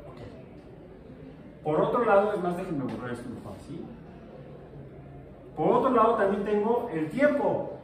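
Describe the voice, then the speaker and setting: A man's voice: high voice, animated, unhurried, pauses often, a faint crowd, a little hiss or hum. A male physics teacher, lecturing a class in a joking way and asking his students questions. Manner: jokey, asks the class questions. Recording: echoey room, far from mic.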